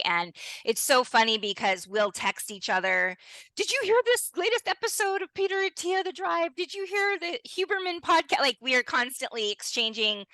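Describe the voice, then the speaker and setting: A woman's voice: a little high, sharp tone, no echo, rough recording. A young adult woman hosting a podcast interview, bubbly and exclamatory, speaking straight to her listeners. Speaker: podcast host.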